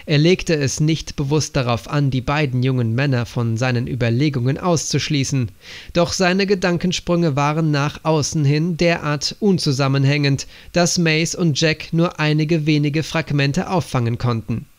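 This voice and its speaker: Mann mit etwas hellerer Stimme liest vor. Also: male voice, on the high side, normal speed. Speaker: audiobook reader. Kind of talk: audiobook narration.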